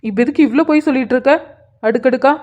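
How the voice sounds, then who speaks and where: A woman's voice: high-pitched, racing, darkish tone, muffled recording, lightly acted. A woman voicing an earnest young man who keeps pressing his elder sister with pleading, insistent questions in a cartoon. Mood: probing. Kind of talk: cartoon voice acting.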